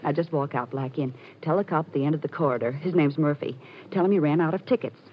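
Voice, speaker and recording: A woman playing a chatty young lady, a devoted accomplice, in 1940s radio style with a husky voice. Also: low voice, fast, slight background noise, close to an everyday voice. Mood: urgent, affectionate. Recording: dull old radio recording.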